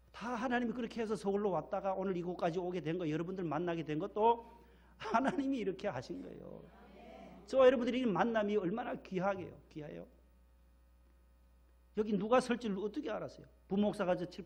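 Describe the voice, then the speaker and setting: A man's voice: sits high, gravelly, darkish tone. A middle-aged man from South Korea's Gyeongsang region, a pastor preaching a sermon and telling folksy personal stories, repeating phrases for emphasis.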